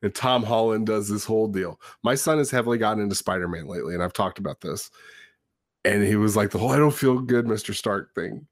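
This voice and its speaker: A man co-hosting a podcast, telling a rambling, animated story about his kid with lots of restarts. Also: on the low side, quick pace, dry recording, studio quality. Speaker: podcast co-host; father. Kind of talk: casual podcast chat.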